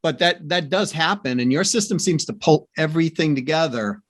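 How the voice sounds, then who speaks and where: A man's voice: fairly high pitch, brisk, dry recording, studio quality. A middle-aged man hosting a podcast interview, telling stories in a chatty way with lots of asides and restarts. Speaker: podcast host. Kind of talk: casual interview chat.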